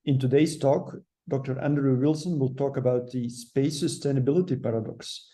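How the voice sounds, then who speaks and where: A man hosting a webinar, giving a formal introduction in halting, measured phrases. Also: mid-range voice, steady tone, mellow. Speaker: webinar host.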